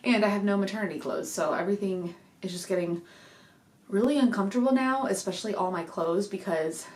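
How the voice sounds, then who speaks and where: A woman's voice: mid-range voice, brisk, roomy sound. A young woman chatting casually to camera in a rambling home vlog, a little out of breath, with lots of fillers. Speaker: vlogger. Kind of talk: casual pregnancy update vlog. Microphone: desk microphone.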